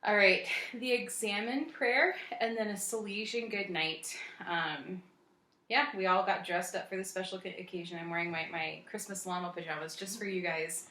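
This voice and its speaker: A woman's voice: medium pitch, steady tone, moderate pace, sharp tone, reverberant. A woman hosting a casual evening prayer video at home, chatty and prone to giggling. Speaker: host of the video. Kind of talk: casual chat. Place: home at night.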